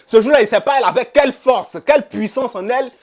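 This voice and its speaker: A man's voice: very high voice, quick pace. A man telling a true-life story casually, quoting other people's words and repeating phrases for effect. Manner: animated, repeats phrases, quotes others in dialogue. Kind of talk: casual first-person storytelling.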